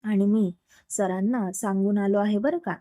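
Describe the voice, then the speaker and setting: A woman's voice: mid-range voice, steady tone, unhurried, dark tone, no room sound, studio quality, close to an everyday voice. Woman doing a teasing young husband. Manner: teasing, affectionate.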